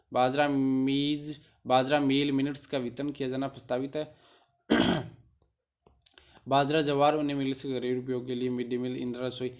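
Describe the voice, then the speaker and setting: A man teaching exam students. He reads a budget document aloud haltingly and adds short casual explanations between the passages. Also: medium pitch.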